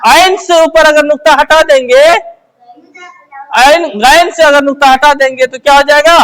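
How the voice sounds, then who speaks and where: A woman's voice: sits high, steady tone, normal speed, a bit bright. A woman teaching the Urdu script, asking short questions and answering them herself while repeating key phrases. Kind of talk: letter-by-letter script lesson.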